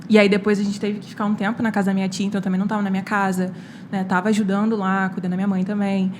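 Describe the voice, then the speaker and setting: A young Brazilian woman talks quickly and casually, retelling events with quoted dialogue and plenty of fillers. Her voice sits at a middle pitch, with faint ambient noise in the background. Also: level tone, a little mellow. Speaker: guest, medical student. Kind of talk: casual podcast storytelling.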